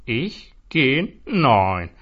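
A man's voice: very animated, extremely slow, fairly bright tone, husky, highs cut off, full character voice. A man voicing a drunk, tearful male pub regular who whines and rants. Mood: furious. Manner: whiny, pleading, then shrill and ranting.

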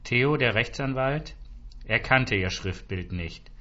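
A man's voice: medium pitch, expressive, slow, bright, forceful tone. A man narrating a short story aloud with dry, ironic storytelling. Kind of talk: audiobook reading of a short story. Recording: dull lo-fi recording.

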